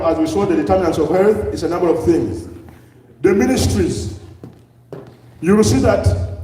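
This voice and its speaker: A man's voice: sits high, warm tone. A man with a Ugandan accent giving a lecture to a live audience, firing off rhetorical questions as he speaks. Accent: Ugandan English. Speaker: public health speaker. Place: large hall with an audience. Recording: echoey hall, distant mic.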